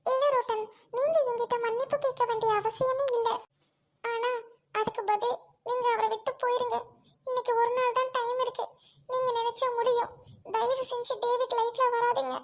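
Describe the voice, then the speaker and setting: A woman's voice: extremely high pitch, little pitch movement, normal speed, background noise. A woman voicing a young woman doctor who pleads and insists, in an amateur audio drama. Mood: insistent.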